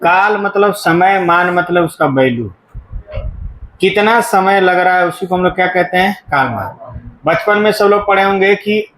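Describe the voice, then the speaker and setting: Male teacher, high voice, slow and deliberate, quizzes and repeats, echoey classroom. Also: a bit bright. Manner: asks the class questions and answers them himself, repeats key terms. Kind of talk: classroom grammar lesson.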